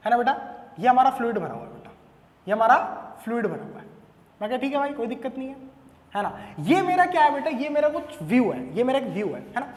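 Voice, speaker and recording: A man's voice: very high-pitched, sing-song, quick pace. A male physics teacher giving a playful classroom lecture, repeating himself and acting out little dialogues with his students. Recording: echoey room with long reverb.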